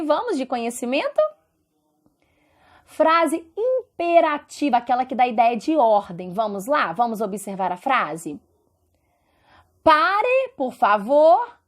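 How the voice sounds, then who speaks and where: A woman with a Brazilian Portuguese accent teaching a recorded lesson, explaining step by step and asking rhetorical questions. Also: fairly high pitch.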